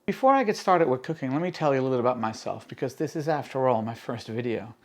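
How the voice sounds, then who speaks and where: A middle-aged man from the Netherlands, hosting his home cooking channel and explaining to camera in a friendly, steady way with small fillers. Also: mid-range voice, quick pace. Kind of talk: casual cooking video to camera.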